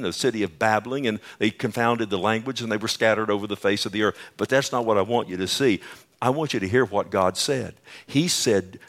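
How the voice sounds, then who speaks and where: A pastor delivers an emphatic sermon into the pulpit microphone of a church, asking the congregation questions. He has a mid-range male voice with a fairly bright tone.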